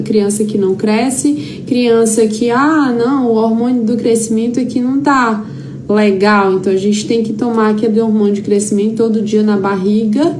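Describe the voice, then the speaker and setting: Here a therapy teacher with a Brazilian accent gives a casual, story-rich lecture in a fairly high, somewhat dark voice. Her style is chatty, with emphatic repetition and dialogue she performs aloud, all over a noticeably noisy background.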